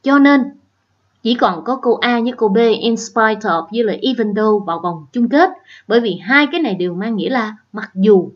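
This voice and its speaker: A woman's voice: medium pitch, expressive, brisk, lo-fi sound. A woman teacher with a Southern Vietnamese accent, patiently explaining exam questions step by step and checking in with her students. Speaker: English teacher. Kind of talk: exam prep lesson.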